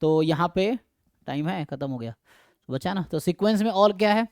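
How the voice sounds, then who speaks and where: A man's voice: high voice, expressive, normal speed, a little mellow, dry recording, clean studio sound. A man with an Indian accent teaching a live online math lecture, explaining step by step and quizzing his students.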